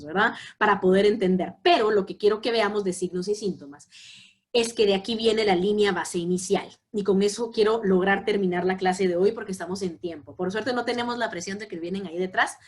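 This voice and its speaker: Woman, psychology lecturer, class lecture, lots of examples, keeps checking in with students. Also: mid-range voice. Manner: explains with examples, often checks with "¿verdad?".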